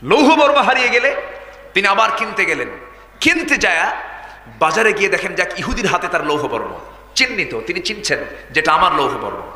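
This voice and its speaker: Male preacher, fiery storyteller, bright edge, reverberant PA sound. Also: sits high, sing-song, fairly quick. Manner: storytelling, rousing the crowd to respond aloud. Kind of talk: fiery Bengali waz sermon. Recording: public address with echoey long hall reverb.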